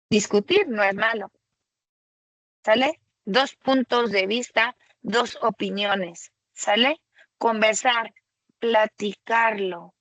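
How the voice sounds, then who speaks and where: A woman talks through a webinar lesson at a very deliberate, slow pace. Her voice sits a little high and she keeps checking in with a casual "¿sale?". The sound is dry and slightly muffled, like a computer mic on a video call. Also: a bit bright, dry recording. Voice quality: frequent rhetorical "¿sale?". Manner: slow, explanatory and conversational. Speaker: webinar presenter for tutors. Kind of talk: webinar lecture.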